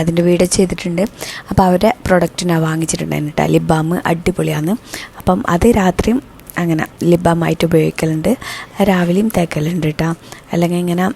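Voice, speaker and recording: A woman talks through her day in a casual vlog, keeping her voice soft and hushed. Her tone is low and mellow, with a gravelly edge. She chats and rambles, explaining each step as she works, over a faint hiss. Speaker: vlogger.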